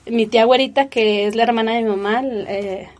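A woman's voice: fairly high pitch, a little fast. Earnest woman telling her story. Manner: earnest, animated storytelling with many fillers. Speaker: interviewee. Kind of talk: emotional personal testimony.

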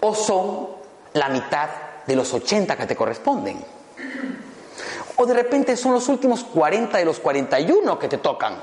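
A man in his fifties tells humorous stories in a motivational talk, speaking a bit high with very animated pitch. He teases and addresses his audience directly. The recording rings with a long hall reverb and a faint background hiss. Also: normal speed. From Peru. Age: 50s. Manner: playful, humorous storytelling with audience asides.

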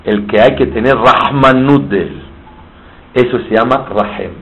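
A man's voice: medium pitch, unhurried, fairly bright tone. Man teaching a sermon. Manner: explains terms in Hebrew and Spanish, asks and answers his own questions. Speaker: rabbi teaching Torah. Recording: slightly dull, faint background hiss.

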